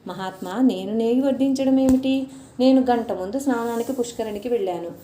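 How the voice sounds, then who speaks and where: A woman's voice: on the high side, brisk, mellow, slight background noise, natural voice. A woman voicing a humble male disciple who speaks respectfully and apologetically. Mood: earnest. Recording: roomy echo.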